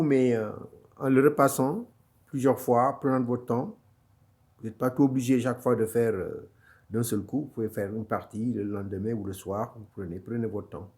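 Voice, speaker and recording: A man's voice: medium pitch, husky. A man teaching an online lesson, patient and encouraging, repeating each sound several times for his students. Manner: encouraging, gently reassuring. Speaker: Quran recitation teacher. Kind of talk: slow step-by-step online lesson.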